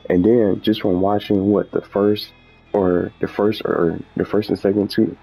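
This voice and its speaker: Hosting a gaming video, a man rambles through unscripted, casual commentary, repeating and correcting himself often. His voice sits on the low side, creaky, mellow and husky, with a level tone and measured pace. Background music plays beneath muffled audio.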